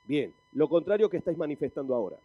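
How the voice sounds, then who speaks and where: A man's voice: on the high side, sing-song, racing, slightly rough, no echo, narrow, tinny audio. A male pastor with a Spain Spanish accent, preaching emphatically and asking the congregation questions as he reads scripture. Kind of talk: sermon.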